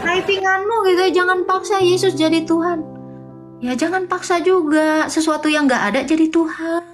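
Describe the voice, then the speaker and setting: High-voiced teasing woman streamer, music behind. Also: steady tone, normal speed. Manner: teasing, mocking, sing-song rhetorical questions. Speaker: livestream host debating viewers. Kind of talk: casual livestream apologetics debate.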